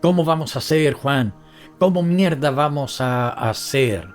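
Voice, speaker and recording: Man reading as worn-out angry wife, slow heavy words, faint music behind. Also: medium pitch, animated, lightly acted. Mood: bitter. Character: tired adult woman, angry and despairing wife.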